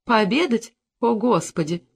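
A reader doing a sharp-tongued seasick young wife. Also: mid-range voice, expressive, unhurried, creaky, breathy edge, exaggerated voice. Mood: queasy whining.

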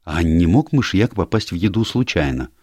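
A measured country doctor, asking careful questions in a very low voice, as a man reading an audiobook plays him. The sound is dry and close, with no room around it. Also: sing-song, a little mellow, slightly rough, dry recording, exaggerated voice. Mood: probing. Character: calm, probing country doctor, middle-aged man.

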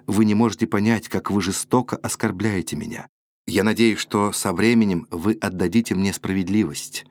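A man voicing an eloquent, wavering young man who pleads earnestly and quietly. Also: fairly low pitch, no echo, lightly acted.

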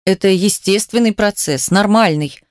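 A woman's voice: medium pitch, moderate pace, dry recording, studio quality, lightly acted. Stern commanding husband, as a woman reads him. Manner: curt, commanding. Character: stern domineering young husband.

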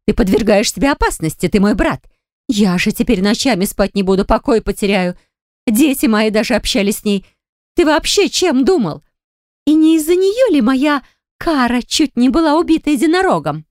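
A woman's voice: sing-song, moderate pace, darkish tone, no echo, clean studio sound. A woman reading an audiobook and voicing a haughty, hysterical dragon woman who snarls and shrieks at her brother's mate. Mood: hysterical fury. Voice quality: shrill, hissing and snarling.

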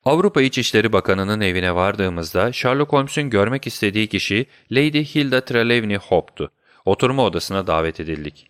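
A man narrating an audiobook with a steady, measured reading. His voice is fairly low and resonant. The recording is close and completely dry. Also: smooth, dry recording. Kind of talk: scripted narration.

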